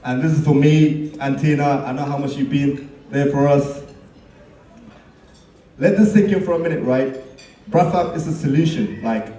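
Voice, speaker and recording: A man's voice: a little high, moderate pace, long pauses, mellow, slight background noise. A man giving a teasing best man's speech at a wedding, laughing at his own stories. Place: wedding reception hall. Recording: echoey hall, mic at a distance.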